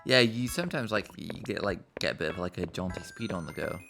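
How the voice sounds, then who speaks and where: Male co-streamer, low gravelly voice, joking and profane, game music behind. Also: expressive, fast talker, sharp tone. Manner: joking, swears casually, hums tunes. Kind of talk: casual gameplay chat.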